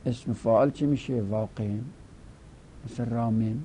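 A male teacher giving a grammar lesson, drilling word forms aloud and repeating them slowly for students. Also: medium pitch, fairly even intonation, dark tone, a little hiss or hum.

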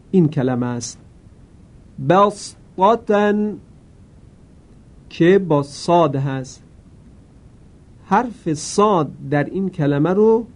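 A man teaching Quran reading in a careful, slow way, now and then chanting a word slowly. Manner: chants the words slowly, louder and higher. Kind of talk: lesson.

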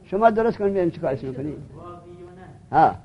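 Here the same kind of high-voiced male teacher sounds animated as he pushes students through grammar drills. The recording is dull and lo-fi.

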